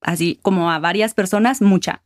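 A woman's voice: lowish voice, normal speed, dry recording, studio quality. A woman from Guatemala with a Guatemalan Spanish accent, a guest in a casual conversation who patiently explains local words with examples.

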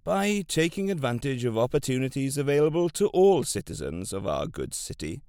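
A man voicing a humble, dignified wealthy old man of about seventy who answers calmly and plainly. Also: mid-range voice, normal speed, clean tone, no room sound, clean studio sound. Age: 70s.

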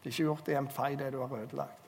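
A man's voice: mid-range voice, fairly even intonation, gravelly, darkish tone. A man preaching a sermon, telling stories and urging listeners earnestly, recorded in a church hall. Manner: storytelling, earnest exhortation. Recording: long hall reverb.

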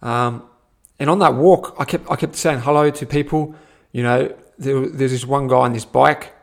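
Gravelly young man. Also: medium pitch, moderate pace. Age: young adult. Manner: animated, repetitive, keeps saying "my friend". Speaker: personal growth teacher. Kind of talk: casual motivational monologue.

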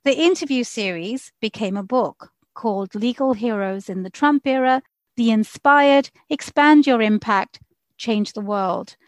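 Upbeat lady podcast host, kinda high voice, super dry close sound. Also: a little slow, no echo. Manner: upbeat, welcoming. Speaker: podcast host and immigration attorney. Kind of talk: podcast interview.

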